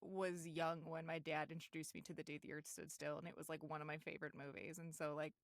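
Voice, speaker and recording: A woman co-hosting a casual podcast, talking in a relaxed way and laughing often. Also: deep voice, fast talker, gravelly, dry recording, studio quality. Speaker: podcast co-host.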